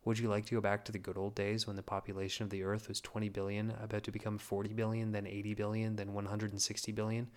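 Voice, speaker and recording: A hearty, smug doctor lectures in a booming storybook voice, low and fairly flat, as a male narrator puts him on. He sounds pleased with himself and sure of every word. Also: fast, hardly any pauses, close to an everyday voice. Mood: lecturing.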